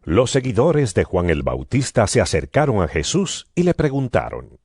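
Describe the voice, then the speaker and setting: A man narrating a Bible reading in an expressive storytelling manner. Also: lowish voice, normal speed, no room sound, studio quality. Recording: music bed behind voice. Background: guitar music.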